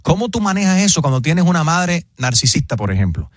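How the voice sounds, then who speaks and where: A man's voice: on the high side, sing-song, brisk, breathy edge, no echo, studio quality. A man hosting a casual radio talk show, chatty, slipping into English while searching for words.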